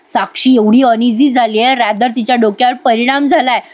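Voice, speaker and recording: A woman narrating a voice-over recap of a TV serial, retelling scenes in an animated way and addressing viewers directly. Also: on the high side, normal speed. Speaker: TV serial reviewer.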